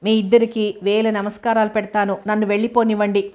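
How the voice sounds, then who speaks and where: A sick, stubborn young man, as a woman narrator puts him on, petulant and demanding from his sickbed. The delivery is flat and even, read from a storybook. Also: mid-range voice, fast, natural voice.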